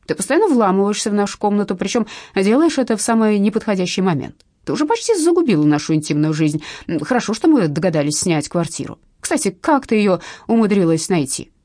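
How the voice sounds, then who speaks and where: A woman's voice: medium pitch, big pitch swings, fast talker, warm tone, no room sound, studio quality. A woman voicing an indignant young husband who speaks with aggrieved emphasis.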